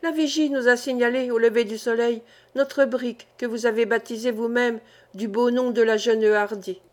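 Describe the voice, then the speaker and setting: A jovial old sailor in his sixties, sturdy and good-natured, voiced by a woman reading a storybook aloud. He speaks in raised, excited bursts. The voice is pitched fairly high. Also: normal speed, lightly acted. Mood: jubilant. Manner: excited, exclamatory, high and loud.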